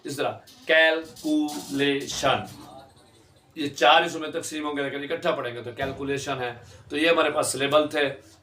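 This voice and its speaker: A man teaching a lesson on English syllables, stretching each example word out slowly as he drills pronunciation. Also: medium pitch, sharp tone, reverberant.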